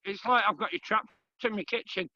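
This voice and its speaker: High, bright-voiced northern English man chatting sport. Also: brisk, lo-fi sound. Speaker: host, fan asking questions of a player. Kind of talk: casual pub-style sports chat. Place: small room in a home, kitchen.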